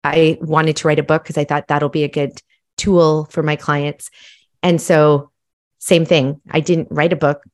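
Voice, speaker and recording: A middle-aged woman from Malawi, a podcast guest, telling her own story in a casual, animated, self-reflective way. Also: deep voice, measured pace.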